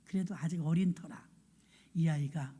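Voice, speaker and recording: A woman's voice: low-pitched, normal speed, mellow, breathy edge. A middle-aged woman pastor preaching a sermon, telling a story and acting out the people in it.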